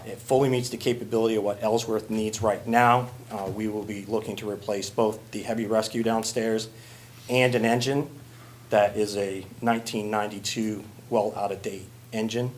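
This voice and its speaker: Low-voiced fire chief addressing council. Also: male voice, level tone, slight background noise. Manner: plain, halting with many "uh" fillers. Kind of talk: formal council presentation.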